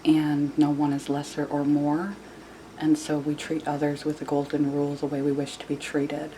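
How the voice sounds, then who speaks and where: A woman speaking quietly in a hushed near-whisper, as if someone is asleep nearby, giving casual self-help advice in a halting, repetitive way. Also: deep voice, monotone. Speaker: video channel host. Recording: clearly noisy room recording.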